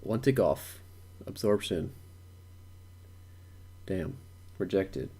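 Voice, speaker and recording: A man's voice: deep voice, lively intonation, drawn-out words, warm tone, slightly rough. A young man thinking aloud while day trading on a live stream, repeating words and chuckling to himself.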